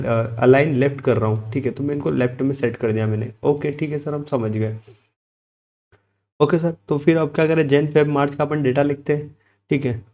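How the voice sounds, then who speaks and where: A man's voice: mid-range voice, warm tone, lo-fi sound. A man tutoring a spreadsheet lesson step by step, often checking in with "okay" and asking his students' questions himself before he answers them. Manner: steps through clicks, repeating "theek hai" and posing students' questions himself. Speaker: computer tutor. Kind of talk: screen-recorded software tutorial.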